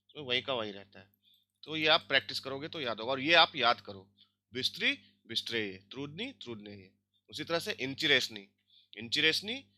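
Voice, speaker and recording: A man's voice: mid-range voice, sharp tone. A man teaching a grammar lesson, explaining step by step and often checking that listeners follow. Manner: repeats and checks understanding with frequent tag questions. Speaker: language teacher.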